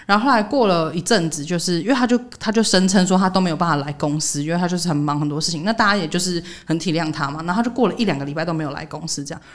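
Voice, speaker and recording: A young woman rattles through an office story on her podcast at a quick clip. Her speaking voice sits fairly low but leaps up when she acts out other people's lines. The delivery is animated and chatty. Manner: animated retelling, voicing others' quotes with jumps in pitch. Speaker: podcast co-host. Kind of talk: casual storytelling chat.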